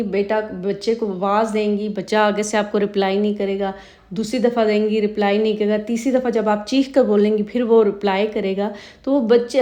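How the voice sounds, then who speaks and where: A woman with a Pakistani Urdu accent giving earnest parenting advice straight to viewers in a casual talk. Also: mid-range voice. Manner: earnest, speaks directly to viewers, many fillers.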